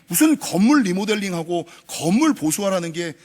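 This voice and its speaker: A man voicing a stern, commanding divine voice in a sermon story, slow and weighty. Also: high-pitched, sing-song, a little mellow.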